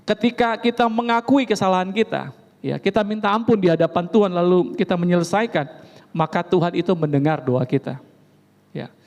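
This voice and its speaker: A male preacher, telling stories in an animated sermon and often addressing the congregation. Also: sits high, brisk. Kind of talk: storytelling sermon. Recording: reverberant hall.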